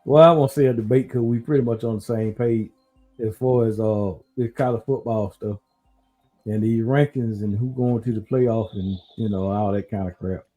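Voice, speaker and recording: A man hosting a casual podcast chat, rambling and thinking out loud as he talks. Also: lowish voice, moderate pace, soft background music. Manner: relaxed, rambling, talks through his uncertainty. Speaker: podcast host.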